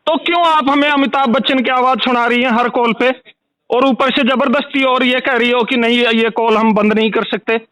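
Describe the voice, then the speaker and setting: An angry man complaining loudly on a recorded phone call. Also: very high-pitched, fairly even intonation, brisk, clean tone, no room sound. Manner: furious, ranting, repetitive. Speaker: angry caller.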